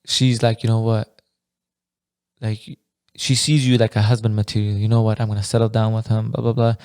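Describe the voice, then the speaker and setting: A man's voice: lowish voice, little pitch movement, fairly quick, a little mellow, clean tone, dry recording, clean studio sound. A man in his twenties, from Afghanistan, co-hosting a podcast in casual chat, laughing often and telling stories in loose slang. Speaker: podcast co-host.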